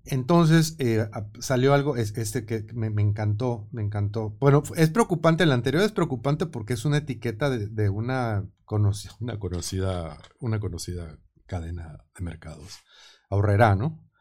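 A man with a Mexican Spanish accent hosting a casual radio studio chat, talking in quick, animated bursts. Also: fairly low pitch. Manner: animated, quick, laughing often. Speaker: radio show host.

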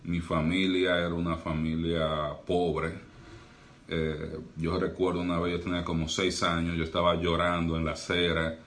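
A young adult man from the Dominican Republic, who is both a doctor and a pastor, tells his life story in a podcast interview. He comes across as earnest and reflective, using fillers like "eh." His low voice is monotone yet fairly bright, at a moderate pace.

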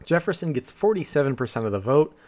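A man's voice: mid-range voice, very animated, fast talker, darkish tone. A young man co-hosting a podcast, talking casually and wryly, often laughing through his lines. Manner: chatty, wry, laughs often. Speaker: podcast co-host.

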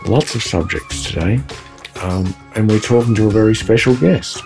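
A man co-hosting a podcast, with a somewhat low voice. He speaks steadily and keeps the conversation moving. Faint music plays behind him. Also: normal speed. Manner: steady, steers the conversation back on track. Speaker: podcast co-host. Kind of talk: casual interview chat.

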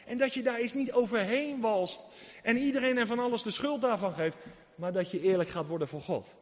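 A man preaching with a high-pitched voice and an emphatic, earnest delivery, moving from loud exhortation to quiet asides. His voice carries a long reverb, as if filling a large hall. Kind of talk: sermon. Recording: muffled sound in a reverberant hall.

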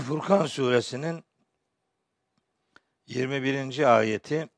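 A man giving a religious lecture as a teacher, his voice hoarse and strained, phrasing deliberately with pauses. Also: mid-range voice, dry recording, clean studio sound. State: hoarse from shouting the day before, clearing his throat often. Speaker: Quran teacher and preacher. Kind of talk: spoken religious lecture with verse commentary.

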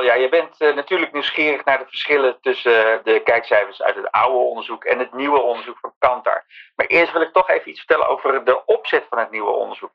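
A man's voice: medium pitch, vocal fry, dull audio. A man speaking on a voicemail message, played back from a phone, giving a point-by-point briefing as an industry director. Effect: speaking on a voicemail, heard played back.

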